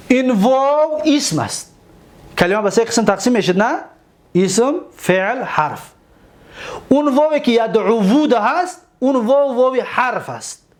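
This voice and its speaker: Tajik-accented man, grammar teacher, high lively voice, drills word endings slowly. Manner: keeps checking students' attention. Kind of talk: Arabic grammar lesson.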